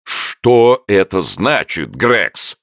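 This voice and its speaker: A stern, blustering zoo director, as a man puts him on, pitched higher than the narrator and booming out his lines. His voice keeps a gravelly edge and swings widely between notes. It is a storybook figure with dry close sound. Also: wildly swooping pitch, measured pace, dry recording, exaggerated voice. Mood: outraged. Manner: loud, commanding outbursts. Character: stern, easily startled male zoo director.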